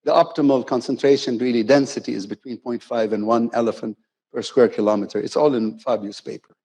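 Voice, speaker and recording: A man's voice: mid-range voice, fairly even intonation, fairly quick, a little mellow, breathy edge, poor audio. A man giving a conversational, playful conference keynote, often correcting himself mid-sentence. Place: conference hall.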